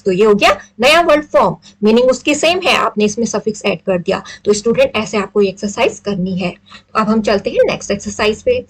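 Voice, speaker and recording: Indian woman teaching, slow and higher-pitched. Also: low-quality recording. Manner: mixes Hindi and English, asks and answers her own questions. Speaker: English teacher. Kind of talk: explaining a textbook exercise.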